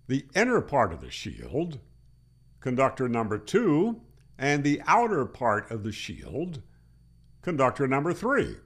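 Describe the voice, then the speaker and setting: Speaking close to a boom-arm desk mic in a small, plain indoor room, this amateur radio channel host in his sixties or older walks through a tutorial. He stresses points emphatically, asks rhetorical questions and repeats things deliberately. His voice is medium in pitch and slightly rough.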